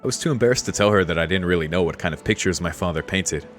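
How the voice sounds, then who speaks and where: A man streams a visual novel in casual let's-play style, switching between reading the text aloud and chatting about it. He talks in a low voice at a rapid-fire pace over soft background music.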